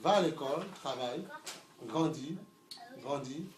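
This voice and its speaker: High-voiced man preaching in an echoey hall. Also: measured pace, noisy background. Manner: swings from loud shouting to low murmurs; repeats words while searching for them. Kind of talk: sermon. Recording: echoey room, mic from far off, faint ambience.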